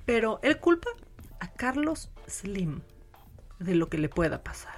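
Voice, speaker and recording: A woman's voice: mid-range voice, measured pace, soft background music. A woman hosting a radio show, ranting in a sarcastic, mocking way in casual chat. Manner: sarcastic, mocking, animated rants. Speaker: radio host. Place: radio studio.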